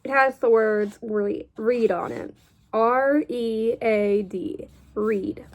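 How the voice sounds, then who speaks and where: Slow and fairly high-pitched, a young woman's voice rambles along as she draws for a casual vlog, chatting and correcting herself as she goes. She has a slight cough and says her voice is giving out, and a little background noise can be heard.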